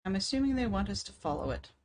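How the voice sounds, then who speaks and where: A woman's voice: mid-range voice, animated, fast talker, a little mellow. A woman casually talking to herself as she works through a puzzle game on a live stream, with dry sarcastic asides.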